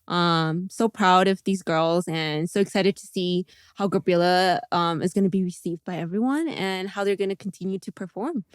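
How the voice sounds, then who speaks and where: A woman's voice: fairly low pitch, moderate pace, hardly any pauses, smooth, no echo, clean studio sound. A woman co-hosting a podcast in casual, upbeat chat, full of fan enthusiasm. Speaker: podcast co-host.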